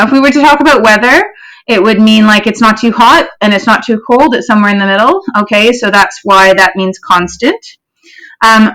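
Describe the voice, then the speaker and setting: A woman teacher giving a recorded poetry lesson to pupils, explaining clearly and patiently, often checking in with "okay?" and reading verse slowly. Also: medium pitch, fairly bright tone, poor audio. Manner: reads verse slowly, stressing syllables.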